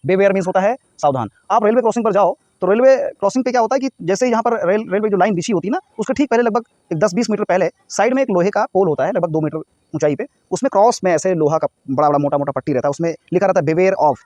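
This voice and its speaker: In a spoken English lesson, a man from North India teaches everyday English phrases, explaining each and spelling words out letter by letter. His voice is high and a little mellow, his pace quick, and there's no echo.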